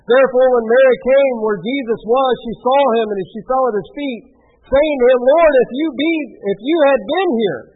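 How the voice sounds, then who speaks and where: A man preaching a sermon, reading scripture aloud and breaking in with folksy asides. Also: extremely high pitch. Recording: tinny phone-like radio broadcast.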